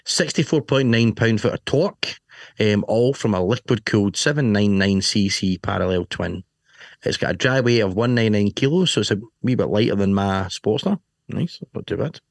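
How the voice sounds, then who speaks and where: Broad Scottish man, low-pitched and playful. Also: moderate pace, gravelly, no echo, clean studio sound. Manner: playful, self-deprecating. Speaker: motorbike show co-host. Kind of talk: casual jokey bike chat.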